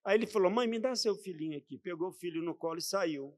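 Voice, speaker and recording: A man's voice: high voice, fast talker, a little mellow. Brazilian man preaching in a church hall. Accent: Brazilian Portuguese. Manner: conversational preaching with frequent rhetorical questions to the congregation. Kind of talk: sermon.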